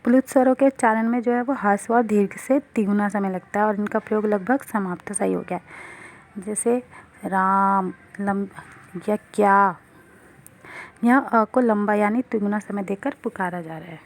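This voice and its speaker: A woman teacher giving a grammar lesson to schoolchildren, explaining slowly and answering her own questions. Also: medium pitch, a little mellow.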